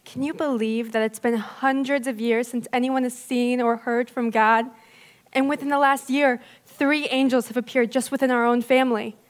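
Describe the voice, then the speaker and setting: A woman's voice: on the high side, steady tone, normal speed, lightly acted. A woman playing Mary, a tired young pregnant traveler in a church nativity play, talking in a weary, mildly complaining way. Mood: hopeful.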